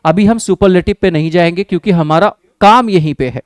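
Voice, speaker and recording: A man teaching an exam-prep English grammar lesson with an Indian accent, often checking in with his class and reading English sentences out slowly. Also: high-pitched, no room sound. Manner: checks in with the class, calls students "babu" and "bhai".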